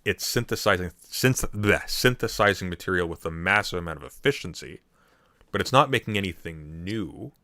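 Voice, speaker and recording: A man's voice: deep voice, lively intonation, normal speed, pushed and bright, dry recording. A man hosting a casual commentary podcast, ranting emphatically and restarting his sentences as he argues. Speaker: host.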